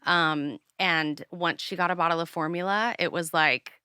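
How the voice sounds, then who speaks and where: A woman's voice: on the low side, steady tone, normal speed, bright, forceful tone, clean tone, dry recording, clean studio sound. A woman in her thirties, a lactation consultant and doula, talking candidly and earnestly in an interview, with many fillers.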